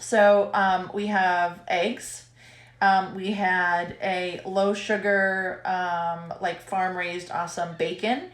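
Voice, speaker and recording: A woman's voice: on the low side, level tone, slow. Bubbly chatty woman in an echoey room. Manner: chatty, bubbly, laughs often. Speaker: co-host of a live stream, chiropractor. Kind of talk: casual live-stream chat. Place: home room, at night.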